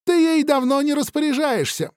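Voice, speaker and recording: A man's voice: extremely high pitch, normal speed, darkish tone, dry recording, clean studio sound, pitched above the performer's own voice. A man reading an audiobook, voicing a haughty alien intelligence with a thin voice, somewhere between a woman and a child. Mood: taunting. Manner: cold, haughty, taunting. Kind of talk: audiobook character voice.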